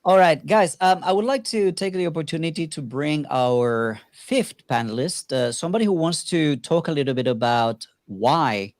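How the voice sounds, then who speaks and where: A man's voice: fairly high pitch, animated, normal speed, few pauses, dry recording, studio quality. A man hosting a livestream panel and chatting casually with the others. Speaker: show host.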